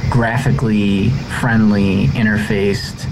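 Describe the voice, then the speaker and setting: A man from the audience asking a casual question in a polite, halting way. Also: on the low side, level tone, noisy background.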